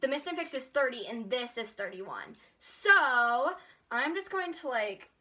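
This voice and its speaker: A woman's voice: on the high side, animated, a little slow, pushed and bright. A young woman chatting in a casual makeup haul vlog, bubbly and full of filler words. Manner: chatty, bubbly, lots of likes and ums. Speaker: beauty vlogger.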